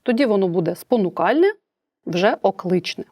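A woman's voice: medium pitch, very animated, normal speed, mellow, dry recording, clean studio sound. A woman teacher with a Ukrainian accent explaining grammar in a recorded lesson, acting out example sentences with changing intonation. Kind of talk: recorded distance-learning lesson.

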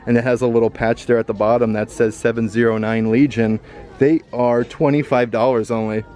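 Male vlogger, mid-pitched, cheerful store walkthrough, handheld camera mic indoors. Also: warm tone. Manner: upbeat, enthusiastic, reads out prices. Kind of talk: walkthrough shopping vlog narration. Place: indoor retail outlet store. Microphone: handheld camera mic, filming himself browsing.

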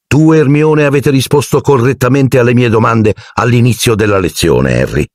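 A man's voice: medium pitch, normal speed, darkish tone, no echo, studio quality, pitched above the performer's own voice, natural voice. A man voicing a cheerful, encouraging middle-aged male teacher in an audiobook, calling out praise with enthusiasm.

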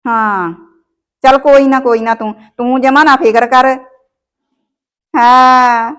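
A domineering, scheming mother-in-law, played by a woman, with a high voice. She scolds and bosses her son in a village comedy short film. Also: steady tone, takes it slowly, a bit bright, clear, resonant tone. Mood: gossiping.

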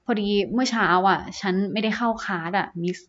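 A woman teacher with a Thai accent, reading English sentences slowly and then explaining them in Thai with fillers, in an online lesson. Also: medium pitch, dull audio.

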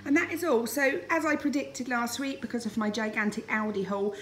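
A British woman in her thirties from the United Kingdom, a family vlogger, casually narrates a grocery haul in her home dining room. Her voice is on the high side and a bit bright, and she talks fairly quickly. There's slight background noise in the recording.

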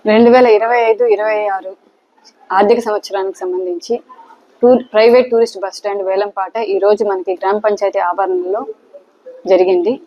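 Woman official, halting, in dull lo-fi sound. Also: mid-range voice, steady tone. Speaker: local government official. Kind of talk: statement to the press.

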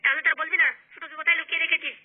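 A very high, rapid-fire cartoon tough guy, with a flat, unmoving pitch. He barks threats at suspects, then turns to soothing a distressed wife. The sound is thin and tinny, like a phone line. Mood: threatening. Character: menacing, hot-tempered man hunting his missing friend.

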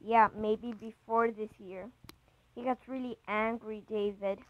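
A woman's voice: medium pitch, fairly even intonation, measured pace, muffled recording, lightly acted. A woman reading a chat story aloud, voicing a worried young woman who keeps pressing her boyfriend with questions.

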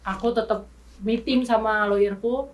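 Female interview guest, casual chat, lively storyteller who acts out old arguments; higher voice, heard slightly off-mic. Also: normal speed, recorded from a distance, a little hiss or hum.

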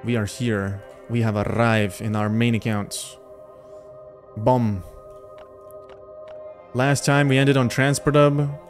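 A man streams a game, thinking out loud and talking to his chat in a relaxed, chatty way. His voice sits at a middling pitch, with faint game music playing behind him. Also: slow, pauses often. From Lithuania. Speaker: gaming livestreamer. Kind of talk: casual gameplay commentary.

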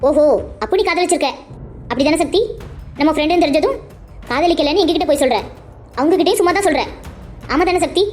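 A woman's voice: high-pitched, fast talker, pauses often, soft background music, lightly acted. A woman voicing a young woman in a cartoon who teases and confronts her friend with probing questions. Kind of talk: cartoon voice acting.

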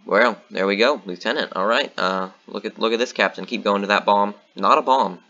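Relaxed and thinking aloud with plenty of ums and uhs, a man casually comments on his own board game match. His voice is lowish and brisk, and the recording sounds muffled.

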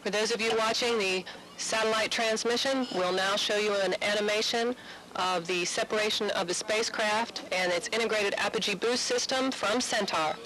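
A man's voice: high voice, steady tone, normal speed, background noise. A man acting as commentator, giving live commentary on a rocket launch.

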